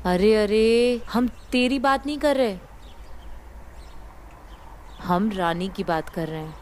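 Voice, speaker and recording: A woman's voice: medium pitch, slow pace, a little hiss or hum, close to an everyday voice. An actress playing a teasing elder woman of the household in a TV drama.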